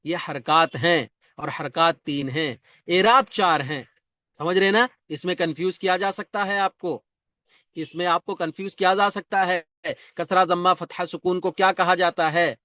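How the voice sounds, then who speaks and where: A man's voice: high voice, fairly even intonation, bright, forceful tone, no room sound. A man teaching a grammar class, explaining step by step, repeating key terms and checking often whether students follow. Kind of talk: classroom lecture.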